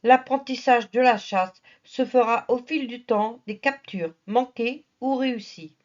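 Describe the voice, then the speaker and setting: A woman's voice: fairly high pitch, a little slow, dull audio. A woman narrating a nature documentary in a familiar, teasing storytelling manner. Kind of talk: nature documentary narration, playful asides to the viewer.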